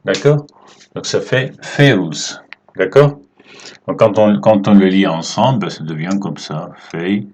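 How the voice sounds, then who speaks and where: A man teaching Arabic letters at a whiteboard, explaining slowly and patiently and checking in with his students often. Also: low voice, darkish tone, slight background noise. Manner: slow and patient, checks in with "d'accord?". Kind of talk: whiteboard language lesson.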